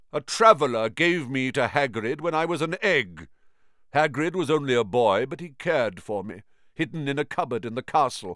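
A man voicing an ancient giant male spider, croaking and grave, speaking slowly and solemnly. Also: medium pitch, sharp tone, no echo, clean studio sound, voice pushed up. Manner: slow, solemn, clicking menace.

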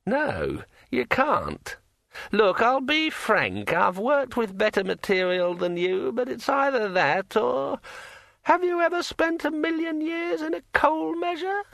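Kring, a shrill bossy magic sword, voiced by a man. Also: big pitch swings, vocal fry, fairly bright tone, dry recording, exaggerated voice. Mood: threatening. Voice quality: high, ringing. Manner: slow and drawn out. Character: pushy talking magic sword, male, bossy.

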